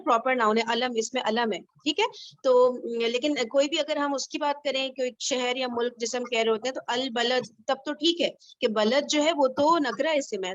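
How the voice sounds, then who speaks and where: A woman with a high voice leads an online study group, explaining each grammar point patiently and pausing often to check that everyone follows. She is from Pakistan. Her voice comes through dry and muffled, like call audio. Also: no echo. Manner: explains patiently, keeps checking understanding with "theek hai?".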